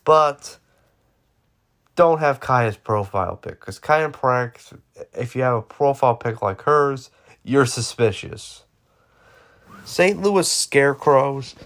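A man's voice: mid-range voice, expressive, takes it slowly, pauses often, fairly bright tone. A man in his twenties hosting a solo podcast, rambling offhand with jokey asides. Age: 20s. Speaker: podcast host.

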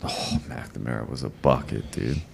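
A man's voice: rumbling low, normal speed, gravelly, husky. A man chatting casually about bets as a panelist, with slangy, profane frat-bro banter and repeated hype phrases. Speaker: sports betting show panelist. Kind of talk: casual betting chat.

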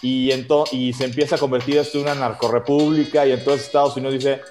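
A man's voice: mid-range voice, level tone, fast, music in the background. A man with a Mexican accent in a casual debate, stammering and restarting words. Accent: Mexican Spanish.

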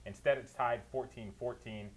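A man's voice: mid-range voice, fairly even intonation, normal speed. Man, sports analyst, detailed recaps, opinionated, ordinary mid-range voice. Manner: detailed play-by-play recaps, opinionated, laughs easily.

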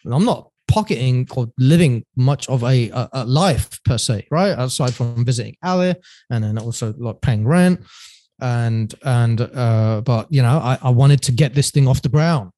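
A man's voice: mid-range voice, mellow, no echo, clean studio sound. A man telling his story as a podcast guest, rambling and acting out past phone calls. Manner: rambling, many fillers and restarts, acts out phone calls. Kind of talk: casual storytelling interview.

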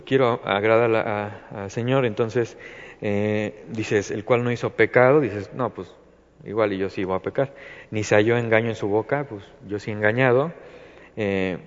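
Rambling Mexican man in a reverberant room. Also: mid-range voice. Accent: Mexican Spanish. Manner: rambling, many fillers and restarts. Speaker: Bible study speaker. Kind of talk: informal devotional talk. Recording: dull, reverberant recording.

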